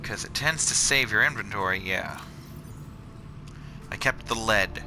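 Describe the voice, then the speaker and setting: Over game music and a noisy background, a young male channel host chats about work while he plays. His fairly low voice runs a little slow, and his rambling is sarcastic and full of profanity.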